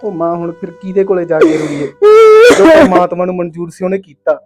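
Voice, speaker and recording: A man's voice: high-pitched, fairly quick, a little mellow, soft background music, natural voice. A man playing a grieving young son. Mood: pleading. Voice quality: pleading, choked with grief. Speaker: son consoling his mother. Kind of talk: emotional drama acting.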